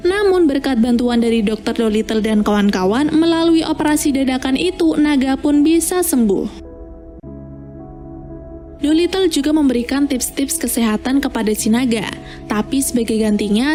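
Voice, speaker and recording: A woman narrates a story from a script. Her tone is soft and mellow, and music plays behind her. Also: high voice, moderate pace. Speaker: narrator of film plot recaps.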